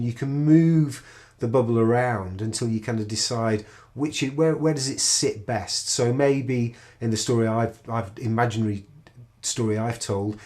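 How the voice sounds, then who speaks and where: In a recorded project presentation, a middle-aged man who works as a researcher walks through a research method with enthusiasm, frequently starting his sentences over. He has a slightly mellow, mid-range voice.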